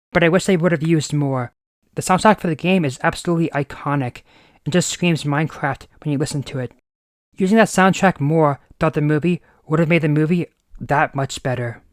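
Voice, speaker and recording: A man's voice: a little high, no echo, clean studio sound. A man in his late twenties giving a scripted, exasperated movie review. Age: 20s. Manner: exasperated, ranting.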